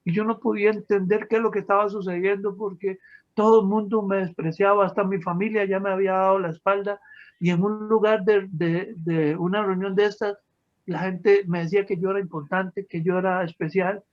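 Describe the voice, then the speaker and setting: A man's voice: high-pitched, steady tone, brisk. A man telling his personal testimony to an audience, emotional and storytelling, calling his listeners friends. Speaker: testimony speaker. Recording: dull lo-fi sound.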